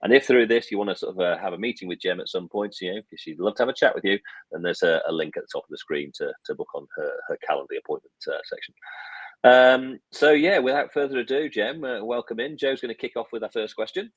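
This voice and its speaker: Host voice, low and rapid, nasal and croaky from a cold, husky dry sound. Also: male voice, animated, dry recording, poor audio. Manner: chatty, with frequent "uh" fillers. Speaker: show host. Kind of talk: hosting a live online interview show.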